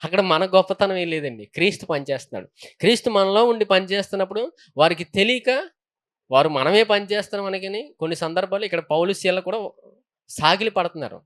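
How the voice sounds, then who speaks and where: Male pastor, high voice, sermon with Bible reading and call-outs. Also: expressive, fast talker, fairly bright tone. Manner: preaching with frequent hallelujahs and questions to the congregation.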